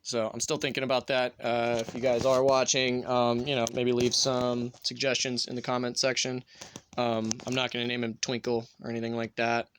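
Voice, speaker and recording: A man's voice: medium pitch, monotone, normal speed, fairly bright tone, slight background noise. A man vlogging casually at home, rambling in an offhand way and swearing freely. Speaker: gun vlogger. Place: indoors at home, near a bed.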